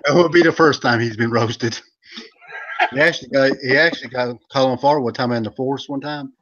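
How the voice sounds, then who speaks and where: A man's voice: medium pitch, brisk, fairly bright tone. Rambling, laughing man on a lo-fi call. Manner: rambling storyteller, laughs a lot. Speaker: former pro wrestler and manager, guest. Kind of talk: casual joking chat on a live stream. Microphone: video call.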